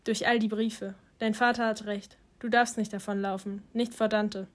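A woman voicing a gentle, reassuring middle-aged mother in an audiobook. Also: mid-range voice, little pitch movement, normal speed, close to an everyday voice. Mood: tender.

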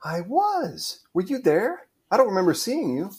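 A man's voice: high voice, wildly swooping pitch, normal speed, a little mellow, pitched above the performer's own voice, heavily acted. A man voicing a playful young woman, a hired protester, in a put-on Midwestern accent and a teasing, chirpy manner. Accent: Midwestern American, put on.

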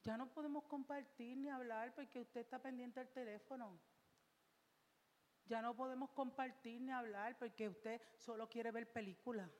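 A woman's voice: fairly high pitch, fairly even intonation, normal speed, darkish tone, big-room sound. A woman pastor preaching a sermon in church, emphatic and repetitive, with rhetorical questions.

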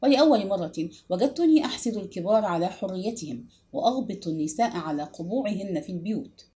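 A woman reading a novel aloud as narrator, telling the story in an expressive, emotive way. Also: mid-range voice, fast talker.

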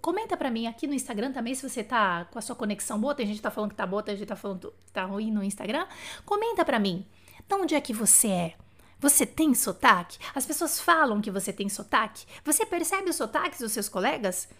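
High-pitched Brazilian woman, chatty live host. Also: very animated, brisk, a bit bright. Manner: chatty and conversational, often addressing listeners with questions and check-in tags. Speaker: live-stream host and language teacher. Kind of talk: casual live lesson, chatting with viewers' comments.

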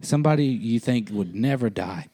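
A man's voice: mid-range voice, expressive, moderate pace, dark tone. A man co-hosting a podcast in casual chat, laid-back, with many fillers and casual swearing. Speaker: podcast co-host.

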